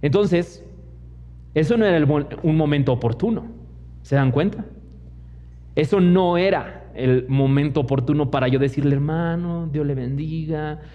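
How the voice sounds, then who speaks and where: Mexican preacher in a reverberant church hall. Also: male voice, a little high, normal speed, pauses often. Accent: Mexican Spanish. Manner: storytelling preacher who mimics others in quoted asides. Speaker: pastor. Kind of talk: sermon. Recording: long church hall reverb, dull lo-fi sound.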